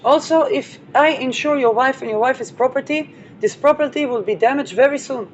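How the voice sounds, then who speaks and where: A woman's voice: high-pitched, a little fast. A woman hosting an astrology channel who talks in a rambling, digressive way, with playful asides and frequent fillers. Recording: dull lo-fi audio with vehicle noise.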